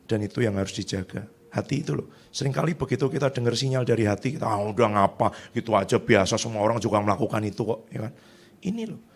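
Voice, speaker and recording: A middle-aged male pastor preaching a sermon in a lively, conversational way, acting out the voices of people he quotes. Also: on the low side, fast talker, slightly rough.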